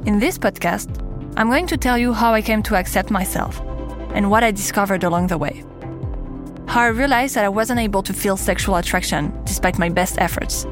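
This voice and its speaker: A woman's voice: medium pitch, fairly quick, music in the background. French woman narrating her own story. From France. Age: 30s. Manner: intimate, candid storytelling. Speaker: podcast host. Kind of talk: scripted personal narration.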